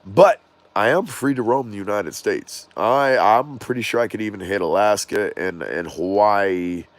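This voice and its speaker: A man hosting a casual drone livestream, slightly raspy and congested from the cold, talking loosely and animatedly to his viewers outdoors. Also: lowish voice, unhurried, dry recording. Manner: loose, rambling, animated, jokes and reads chat aloud.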